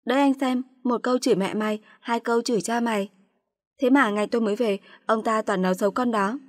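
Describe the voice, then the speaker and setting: A woman voicing a brash, abusive young daughter-in-law who sneers and shouts insults. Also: fairly high pitch, fast talker, dry recording, clean studio sound, voice pushed up, natural voice. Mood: defiant.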